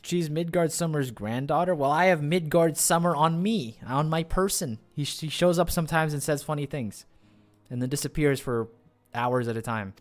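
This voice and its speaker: A man's voice: fairly high pitch, normal speed. Chatty male game streamer. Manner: rambling, joking, asks rhetorical questions. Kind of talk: casual live reaction commentary. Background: game music.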